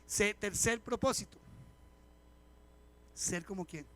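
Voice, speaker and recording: A middle-aged pastor preaching to his congregation, his voice sitting unusually high for a man. He keeps it lively and conversational, telling funny stories and peppering the pews with questions. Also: slow pace. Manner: animated and chatty, with humorous stories and direct questions to the congregation. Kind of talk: live church sermon. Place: church service before a congregation.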